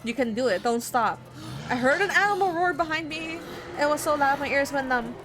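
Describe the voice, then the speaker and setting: Her high voice moves fairly quickly as she dramatically performs a horror visual novel on stream, adding off-the-cuff remarks. Game music runs in the background.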